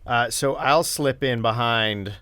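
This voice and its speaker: A man's voice: mid-range voice, takes it slowly, sharp tone, no echo. A man playing in a tabletop game, laid-back and joking in casual chat. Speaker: player.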